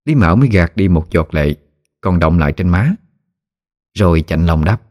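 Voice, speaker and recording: Deep-voiced male storyteller. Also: no echo, clean studio sound. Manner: calm, measured storytelling. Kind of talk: scripted story narration.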